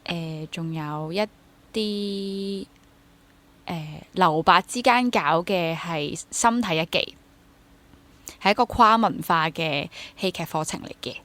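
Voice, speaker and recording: Speaking slowly in a lowish, sharp voice, a young Hong Kong woman chats as an interview guest. She acts in theatre and teaches drama, and her casual Cantonese-accented speech switches into English words.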